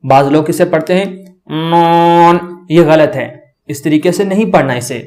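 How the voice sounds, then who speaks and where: A man with a high voice leads a beginners' reading lesson. He stretches out each letter sound slowly and keeps checking that his learners follow. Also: a little mellow. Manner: slow, drawn-out letter sounds for repetition, checks in often. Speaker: Arabic alphabet teacher.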